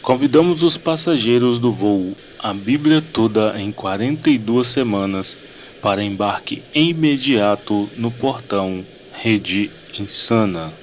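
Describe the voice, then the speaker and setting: Man making a slow, formal airport-style boarding announcement. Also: fairly low pitch, expressive, a little hiss or hum. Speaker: host of a Bible-reading program.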